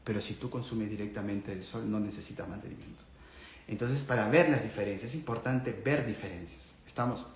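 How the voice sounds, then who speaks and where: A man's voice: lowish voice, a little fast. A man giving a live spiritual talk, explaining earnestly and checking in with his listeners through questions. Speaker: spiritual teacher. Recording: echoey room with faint background noise.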